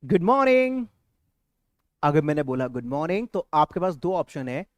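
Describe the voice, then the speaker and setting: A man teaching an English-speaking lesson to a class, animated and drilling words by repetition. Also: on the high side, normal speed, no room sound.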